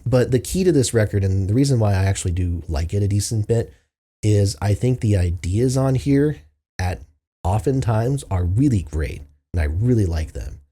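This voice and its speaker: Male music reviewer, low and mellow, casual filler-heavy delivery. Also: lively intonation, moderate pace, slightly rough. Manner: loose, filler-heavy, thinking aloud. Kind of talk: casual album review monologue.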